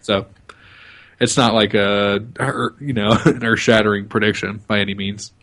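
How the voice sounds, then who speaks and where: Laid-back low-voiced podcast guest. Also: male voice, little pitch movement, moderate pace, a bit bright. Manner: laid-back, laughs along, short agreements. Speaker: podcast co-host. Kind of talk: casual podcast chat.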